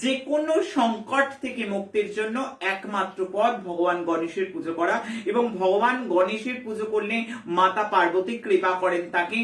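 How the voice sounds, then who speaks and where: A woman's voice: mid-range voice, normal speed, reverberant, far from the mic. A woman spiritual teacher, giving a devotional lesson emphatically, repeating herself and firing rhetorical questions.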